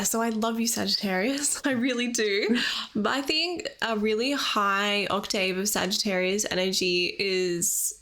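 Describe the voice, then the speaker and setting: A woman's voice: a little high, fairly bright tone, slight background noise. A woman co-hosting a podcast, chatting affectionately with giggles and lots of fillers. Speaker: podcast co-host. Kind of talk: casual astrology chat.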